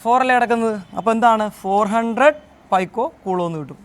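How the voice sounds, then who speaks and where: High-voiced male tutor quizzing himself. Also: fairly quick. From Kerala, India. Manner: asks questions and answers them himself; mixes English terms into Malayalam explanation. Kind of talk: exam answer-key lesson.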